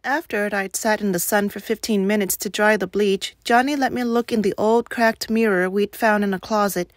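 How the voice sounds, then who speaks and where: Teacher lady reading a novel out loud, steady and even, dry close mic. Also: medium pitch, moderate pace, dry recording.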